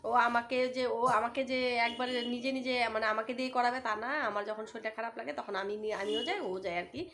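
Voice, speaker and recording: A woman's voice: a little high, fast talker. Chatty woman vlogger at home. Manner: chatty, animated, addresses viewers as brothers and sisters. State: swollen face from toothache. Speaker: village vlogger. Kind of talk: casual vlog chat to viewers.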